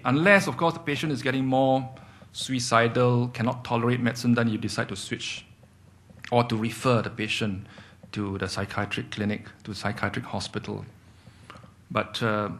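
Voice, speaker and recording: A man's voice: mid-range voice, a bit bright. A middle-aged man, a psychiatrist giving a lecture to doctors, explaining as he goes, asking and answering his own questions and checking in with "okay?". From Singapore. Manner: explanatory, repeats key points with rhetorical questions and "okay?". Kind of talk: clinical lecture.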